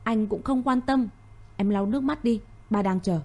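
A woman voicing a firm, protective young man in an audio story. She speaks in her own mellow voice, calm and steady. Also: on the high side, moderate pace, lightly acted. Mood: firm reassuring.

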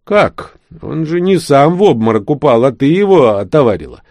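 A man's voice: on the high side, sing-song, normal speed, darkish tone, dry recording, voice pushed up. A man reading an audiobook, voicing a blunt male soldier who argues his point. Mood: blunt, arguing.

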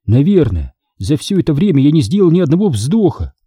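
A man's voice: on the high side, big pitch swings, brisk, dark tone, slightly rough, no echo. A man reading a first-person horror story aloud as an audiobook narrator, in a tense, vivid style, recorded dry and close.

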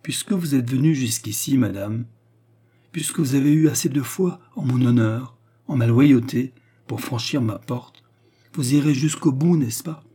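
A man reading the part of a scheming count who murmurs and feigns emotion, in a husky, dark voice. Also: medium pitch, moderate pace, natural voice. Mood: ardent. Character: scheming count, male, smooth seducer.

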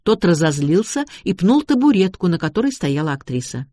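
A calm, confident male detective, as the reader plays him talks through his theory close to the reader's own voice. The delivery is measured and steady. The sound is dry and close. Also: sits high, dry recording.

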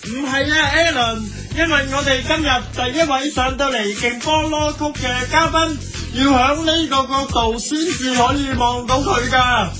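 Speaking at normal speed with fairly even intonation and a very high voice, a Hong Kong Cantonese-accented man hosts a comic radio bit. He counts down a music chart with hyped energy, playfully shifting between different host voices.

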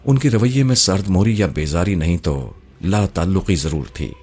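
A man giving measured, literary first-person narration of a novel. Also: sits low, animated, darkish tone, husky, soft background music.

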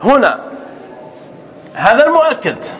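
A man's voice: very high voice, huge pitch swings, measured pace, slight background noise. A male scholar teaching a classroom grammar lesson, repeating example sentences and quizzing his listeners as he explains.

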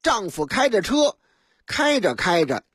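A storyteller on the radio, telling the tale in a theatrical way with a pitch that swoops all over. The voice is husky, recorded on a dry, close studio mic. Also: unhurried, no room sound. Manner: lively and theatrical.

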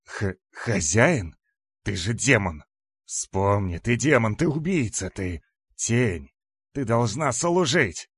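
A man voicing a cunning immortal male demon lord who shouts in a hoarse, shrill voice, in a fantasy audiobook. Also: sing-song, unhurried, no echo, full character voice. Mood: shrieking.

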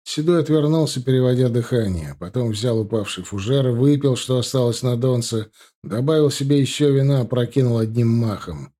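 A man narrating a first-person audiobook with steady storytelling. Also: medium pitch, normal speed.

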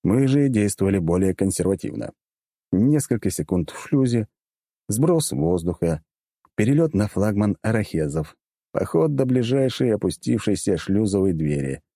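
A man narrating a first-person audiobook in a wry, offhand voice that slips into crude slang. His voice sits low and dark. The close studio microphone keeps the sound dry and free of any room. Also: expressive, moderate pace, no echo.

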